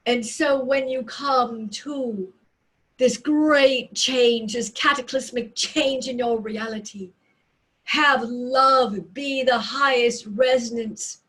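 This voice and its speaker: A woman speaking as a seance medium in trance, voicing a loving, serene spirit collective with solemn, deliberate phrasing and dramatic pauses. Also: a little high, steady tone, fairly bright tone, breathy edge, full character voice. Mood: loving, exalted.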